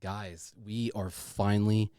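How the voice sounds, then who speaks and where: A man's voice: fairly low pitch, steady tone, takes it slowly, warm tone, no echo, studio quality. A man co-hosting a casual podcast, talking effusively and informally, often repeating himself. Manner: effusive, repetitive, informal with swearing. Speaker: podcast co-host.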